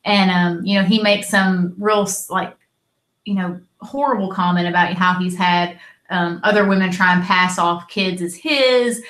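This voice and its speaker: A woman co-hosting a casual review chat, earnest and halting as she retells scenes. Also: lowish voice, steady tone, fairly bright tone, roomy sound. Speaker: co-host reviewing a TV episode.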